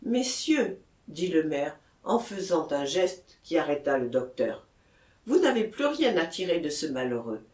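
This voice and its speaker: Woman doing a gentle measured mayor, calm authority, slow, echoey room. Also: fairly high pitch, recorded from a distance. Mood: grave. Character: kindly, measured older male mayor.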